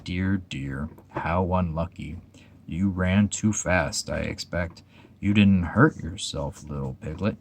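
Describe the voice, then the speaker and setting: A man voicing Eeyore, a gloomy old male donkey in a storybook reading, speaking in a slow, mournful murmur. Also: low voice, a little hiss or hum.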